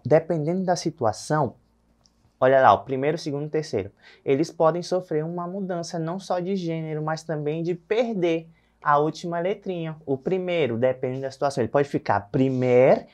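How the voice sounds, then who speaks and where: A Brazilian male teacher leads a recorded lesson and talks straight to his viewers. He stretches each number out slowly and clearly for learners to repeat. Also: on the high side, a little mellow. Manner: addresses viewers directly, draws out numbers slowly. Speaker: Spanish teacher.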